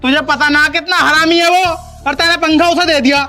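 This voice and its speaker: Guy doing a cranky husband, gruff and scolding, highish voice, soft music under it. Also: fairly even intonation, fairly quick, full character voice. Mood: irritable. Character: short-tempered village husband man. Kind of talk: comedy skit acting.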